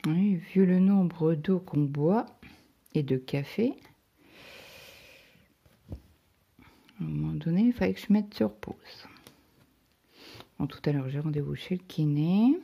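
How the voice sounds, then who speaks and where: A woman's voice: sits low, slow, gravelly, long pauses, husky, lo-fi sound. A middle-aged woman vlogger telling a rambling story in casual chat, filling her sentences with hesitant "euh"s. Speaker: craft vlogger.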